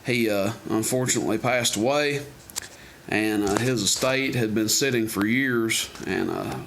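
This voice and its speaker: A man with a lowish voice and measured pace gives a rambling, unscripted product demo, casually showing off the CB radios he's selling. The recording comes from a noisy amateur camera and includes clicks.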